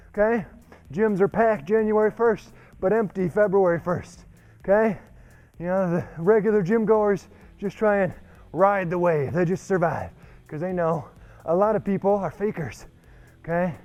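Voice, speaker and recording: The audio is dull, and the man's voice sits high with a dark tone as he leads a workout. Short of breath from the exertion, he gives a conversational, emphatic motivational talk full of check-ins.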